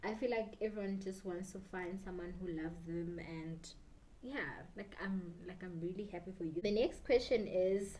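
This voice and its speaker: Young woman, South African accent, slightly tipsy, soft mellow tone, rambling casual chat, some room noise. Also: on the low side, normal speed, poor audio. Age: 20s. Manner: rambling, code-switches between English and Zulu. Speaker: beauty YouTuber. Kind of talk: casual chat while doing makeup. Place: small bedroom indoors.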